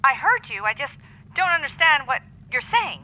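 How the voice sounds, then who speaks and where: Woman voicing a condescending drive-thru barista: high, lively and bright, muffled through the speaker box. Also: normal speed, exaggerated voice. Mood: curt. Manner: snippy and condescending. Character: curt, impatient young female coffee barista.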